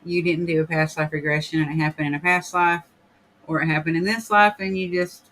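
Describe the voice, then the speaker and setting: Man, podcast host, casual chat, higher pitch, rambling, filler words, faint background noise. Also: flat delivery, fairly quick, bright, forceful tone, poor audio. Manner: rambling, filler-heavy, frequent throat clearing. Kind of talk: casual chat, reading viewer comments.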